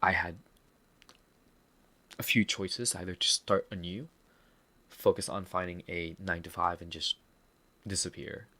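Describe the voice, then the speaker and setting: A man with a Filipino accent hosts a podcast, delivering a personal reflective monologue about a setback with candor, earnestness, and some self-deprecating humor. His low voice is bright and forceful yet steady, at a measured pace with long pauses.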